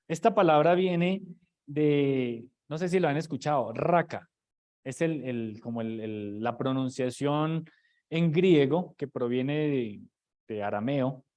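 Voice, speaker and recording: A man teaches from the pulpit in a loose, conversational way, restarting phrases and throwing rhetorical questions at his congregation. His voice sits a little on the high side for a man. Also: a little mellow. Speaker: preacher. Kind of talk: sermon teaching.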